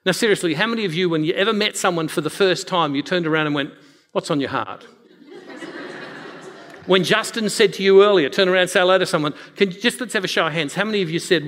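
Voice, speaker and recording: Australian man, slightly high voice, storytelling talk to an audience, long hall echo. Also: fast. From Western Australia. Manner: animated, acts out dialogue with a hushed voice for God. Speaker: speaker.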